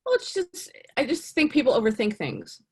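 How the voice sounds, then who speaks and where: A woman talking as a casting director in a casual interview, chatty and animated, full of "you know" and "like". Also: moderate pace, breathy edge. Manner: lively, swings up in pitch for emphasis.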